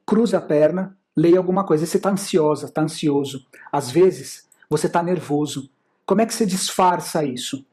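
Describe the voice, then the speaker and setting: A mellow, medium-pitched voice at a moderate pace belongs to a sales and communication instructor with a Brazilian Portuguese accent. Over slides, they lay out their points and answer the rhetorical questions they pose.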